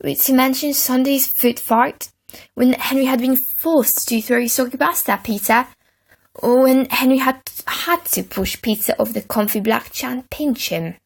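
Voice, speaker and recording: A woman narrating a children's storybook with an expressive, dramatic reading. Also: sits high, measured pace, vocal fry.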